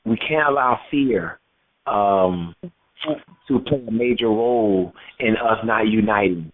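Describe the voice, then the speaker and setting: A man's voice: lowish voice, slow pace. A man from Florida calling into a talk show on speakerphone, rambling and repeating words as he gives his opinion. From Florida, United States. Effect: on speakerphone over a phone line. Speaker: caller. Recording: tinny phone-line audio.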